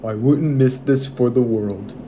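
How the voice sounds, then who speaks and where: A man voicing a deadpan, sardonic house cat in a dry, sarcastic comic strip reading. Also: medium pitch, a little slow, slight background noise, pitched below the performer's own voice, natural voice.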